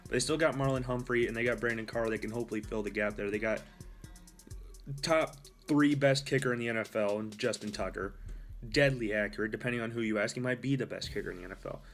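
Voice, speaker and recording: Over soft background music, a young sports talk host speaks fast in a mid-range voice. He's on his own, casual and rambling, dropping fillers and correcting himself along the way.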